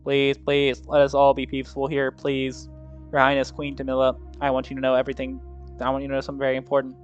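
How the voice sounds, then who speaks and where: A man's voice: mid-range voice, monotone, fast, lo-fi sound, close to an everyday voice. A man voicing a round, polite robot president who pleads for peace in a formal, heartfelt way over faint music. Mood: earnest pleading.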